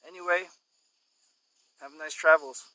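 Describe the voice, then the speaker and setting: Bright-voiced rambling man vlogging outdoors. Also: steady tone, measured pace, poor audio. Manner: rambling, chatty, coaxes a dog in a high voice. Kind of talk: casual outdoor vlog. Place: outdoors at a sunny resort in the morning. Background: insects and crickets.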